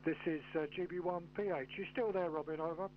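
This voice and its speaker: A man's voice: fairly high pitch, fairly even intonation, fast. A man working as an amateur radio operator, chatting over the air with phonetic callsigns in a hesitant, methodical way. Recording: dull, noisy radio-shack audio with hum.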